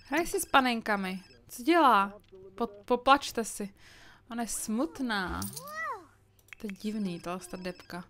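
A woman with a Czech accent giving casual let's play commentary, chatting to her game characters with sudden loud outbursts. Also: a little high, animated. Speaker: gaming streamer.

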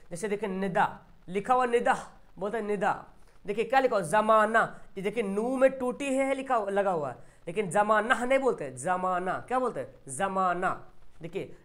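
A teacher giving an exam-prep grammar lesson, who keeps asking short quiz questions, answers them, and stretches out example words slowly. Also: medium pitch.

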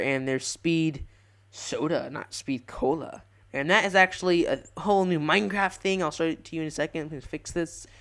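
A young man talks over his gameplay in a rambling, self-correcting way, growing excitable when the action picks up. His voice sits a little high for a man and comes across smooth and clear. He sounds like a channel host chatting straight to his viewers. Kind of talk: live gameplay commentary.

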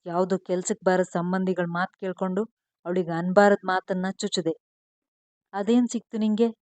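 A woman reading the lines of a young husband who is fiercely devoted and quick to anger, speaking bluntly in a storybook tale. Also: on the low side, a little mellow, no room sound, lightly acted. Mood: reproachful.

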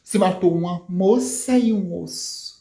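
A woman's voice: lowish voice, moderate pace, dark tone, reverberant, natural voice. A woman with a Brazilian accent voicing a confrontational young woman who speaks emphatically. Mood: accusing.

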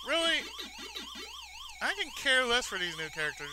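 Extremely high-pitched and very animated, a man talks at normal speed as he hosts a let's-play video. His commentary is casual, wandering and sentimental, with repeated phrases, over the noisy clatter of arcade-style game sounds.

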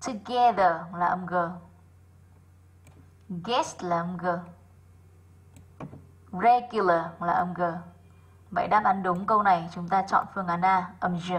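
A woman English teacher, going through worksheet answers in an online class, slowing down to sound out each example word and calling on students by name. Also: fairly low pitch, fairly even intonation, breathy edge, rough recording. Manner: methodical, slows down to sound out example words.

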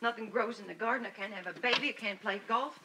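An actress playing a spirited, sporty woman golfer who talks in a brisk, plain-spoken way. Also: a little high, heavy background noise, lightly acted. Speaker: wife and golfer.

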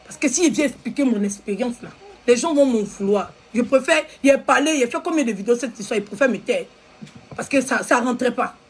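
Furious husky woman ranting in French. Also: on the high side, lively intonation, brisk. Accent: Ivorian French. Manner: heated, repetitive, scolding the audience. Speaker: social media commentator. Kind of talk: angry live video rant.

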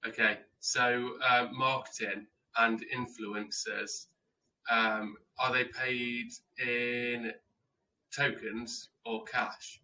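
A man's voice: mid-range voice, flat delivery, bright, forceful tone, roomy sound. Man muffled as if inside a fishbowl. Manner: hesitant, halting, with many fillers. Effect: muffled, hollow sound, as if inside a fishbowl. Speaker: interviewer asking a project team questions. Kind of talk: casual online chat. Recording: muffled distant mic.

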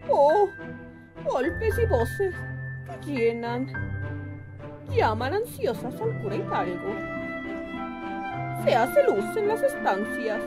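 A woman voicing a cheerful little puppet boy who recites a poem in a children's puppet show with a sing-song, dramatic delivery full of drawn-out exclamations. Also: high-pitched, very animated, heavily acted. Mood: cheery reciting. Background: loud music.

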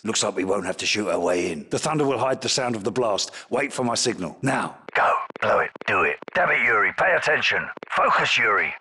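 British special forces captain, gravelly, forceful, hard-bitten, impatient, terse, commanding, military video game. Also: male voice, lowish voice, full character voice. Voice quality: gravelly, husky. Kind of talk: military shooter game battle chatter.

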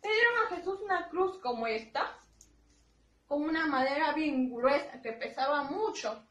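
Woman teacher, very high bright voice, slow simple storytelling for little kids, roomy echo from afar. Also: distant mic. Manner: slow, expressive, repeats points simply. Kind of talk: storytelling for young children.

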